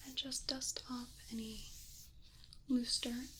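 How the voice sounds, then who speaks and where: A woman in a whispered role-play as an ear-exam clinician, speaking in a soft, breathy whisper with a gentle, reassuring manner. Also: fairly high pitch, little pitch movement, slight background noise. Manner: gentle, unhurried, reassuring explaining. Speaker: ASMR performer playing an ear-exam clinician.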